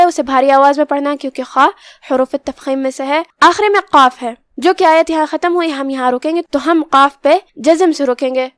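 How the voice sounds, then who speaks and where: A woman teaching Quran recitation rules, explaining calmly and reciting verses slowly and carefully. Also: high voice, no room sound. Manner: slow, careful recitation between plain explanations. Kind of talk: tajweed lesson.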